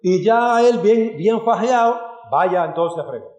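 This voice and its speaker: High-voiced earnest preacher man. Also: lively intonation, a little slow, a little mellow, reverberant, highs cut off. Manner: earnest preaching, addresses congregation as brothers. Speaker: pastor. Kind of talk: sermon. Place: church hall.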